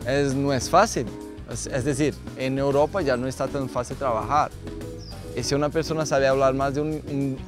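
A young Brazilian man speaks Spanish with a Portuguese accent in a loose, conversational manner, often restarting a phrase to fix it. His pitch sits in an ordinary middle range. Music plays softly behind him. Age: 20s. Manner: relaxed, chatty, with quick self-corrections. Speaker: exchange student and Portuguese teaching assistant. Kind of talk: interview answers.

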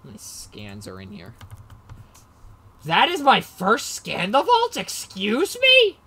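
A man talks through a card game match as he plays, casual and rambling. He mocks himself and often loses his train of thought. His pitch swoops widely, up and down, as he goes. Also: wildly swooping pitch, slow, pushed and bright. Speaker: card game player and commentator.

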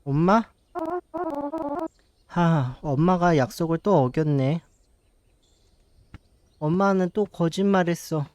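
A man's voice: fairly high pitch, takes it slowly, long pauses, darkish tone, no room sound. A man reading the game lines of a frightened young child who begs his parents to stop. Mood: anxious.

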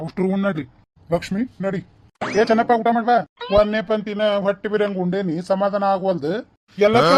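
Casting: a man playing a doting old grandpa who cries easily, North Karnataka village speech, high-pitched and quick, dry studio sound. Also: dry recording, natural voice. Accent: North Karnataka Kannada. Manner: fond, grumbling, pleading. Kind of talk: cartoon voice acting.

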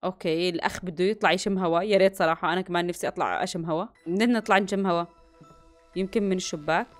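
A woman's voice: fairly low pitch, steady tone, racing, soft background music. A young woman, commentating a horror game, gasping and jumping between muttering and yelps. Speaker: gaming YouTuber.

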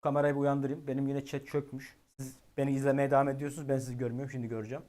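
A man giving live-stream weather commentary, excitable and exasperated, talking directly to his chat. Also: mid-range voice, rapid-fire.

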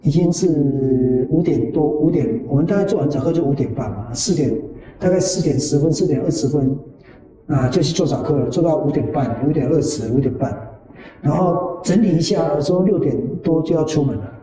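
A man giving a conversational Buddhist teaching, animated and repetitive, often trailing lines with drawn-out particles. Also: on the high side. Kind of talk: conversational dharma talk with personal anecdotes. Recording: echoey hall, voice from far off the mic.

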